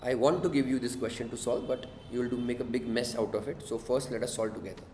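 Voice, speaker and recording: A man's voice: medium pitch, fast, darkish tone. A man with an Indian accent teaching an interactive class as a tutor, prodding students with questions and short checks. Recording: echoey room with faint noise.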